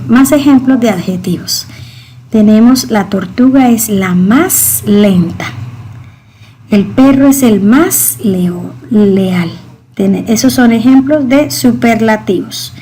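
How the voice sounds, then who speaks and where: A woman's voice: a little high, warm tone, slight background noise. A woman teaching a grammar lesson, speaking to her students directly and patiently repeating the key words.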